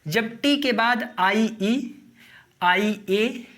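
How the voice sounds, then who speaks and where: Slow Indian man teaching pronunciation. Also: high-pitched, a bit bright. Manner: slow, repeats words and quizzes the listener. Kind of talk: classroom-style lesson at a board.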